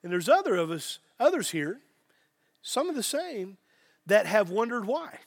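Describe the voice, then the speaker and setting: A man with an Appalachian accent giving an informal sermon as a pastor, earnest, excitable and folksy, repeating phrases for emphasis. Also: high-pitched, measured pace, gravelly. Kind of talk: sermon, informal Bible teaching.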